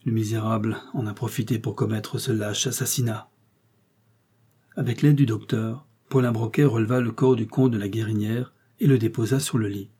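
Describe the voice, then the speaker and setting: Male audiobook narrator, measured, mellow and dark, somewhat husky. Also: on the low side, steady tone. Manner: measured storytelling. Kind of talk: literary narration.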